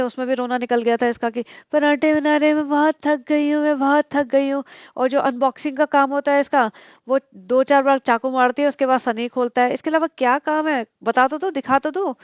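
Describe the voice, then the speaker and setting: A woman's voice: sits high, steady tone, a little fast, smooth, no echo, dull audio. A woman vlogger giving sarcastic, scolding commentary on another vlogger's videos. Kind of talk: critical commentary on other vloggers.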